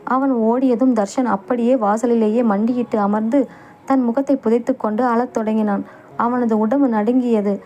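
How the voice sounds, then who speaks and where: A woman's voice: on the high side, steady tone, moderate pace, mellow, a little hiss or hum, rough recording. A woman narrating a family short story in the first person, telling it steadily and with feeling.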